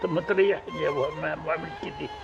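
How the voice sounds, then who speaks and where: A weary, exasperated chief's son. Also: male voice, fairly high pitch, fairly even intonation, very fast, gravelly, lo-fi sound, soft background music. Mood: pleading. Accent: Upper Egyptian. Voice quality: earnest, exasperated. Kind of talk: period TV drama acting.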